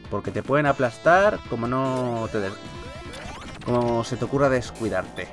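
Over video game music, a man with a Peninsular Spanish accent does a Let's Play, joking around casually and swearing a bit as a gaming video host. He has a medium-pitched, expressive voice at a normal speed.

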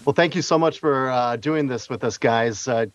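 A man's voice: medium pitch, moderate pace, no echo. A man working as a TV interviewer, asking questions conversationally over a remote link. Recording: slightly dull remote link.

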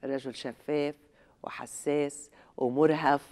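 In a TV studio, a middle-aged Lebanese woman performs a scripted satirical monologue, a sarcastic comedy rant that climbs with mock indignation. Her voice is low and a little mellow, keeping a steady tone and measured pace.

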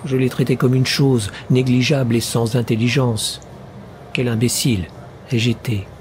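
A desperate, ruined middle-aged man, voiced by a male narrator in an audiobook. He presses his old friend with urgent, remorseful insistence. The voice is mellow and warm. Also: mid-range voice, fairly even intonation, moderate pace, slight background noise, natural voice.

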